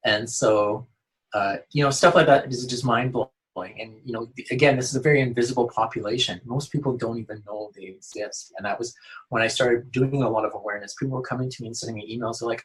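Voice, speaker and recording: On a rough recording, a man of medium pitch talks earnestly in a casual interview about being a youth outreach worker. His speech is full of restarted sentences and "you know."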